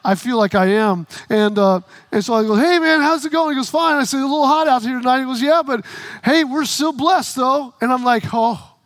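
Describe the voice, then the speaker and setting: A middle-aged man preaching a sermon, telling stories and acting out the dialogue in quick quoted voices, sometimes bursting into shouts for emphasis. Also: extremely high pitch, dry recording. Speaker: pastor.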